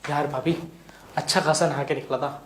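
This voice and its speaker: A woman's voice: sits low, steady tone, moderate pace, close to an everyday voice. A woman voicing a flustered young man, the brother-in-law, who protests and lectures in a web series scene. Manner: protesting, exclaiming, preachy. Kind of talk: Hindi web series dialogue. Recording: echoey room.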